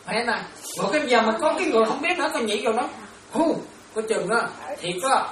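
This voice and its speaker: A woman's voice: a little high, lively intonation, very fast, fairly bright tone, slight background noise. A woman, a Buddhist nun, teaching lay followers in a dharma talk and often checking whether they follow. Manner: questioning listeners often, repetitive. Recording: echoey room, distant mic.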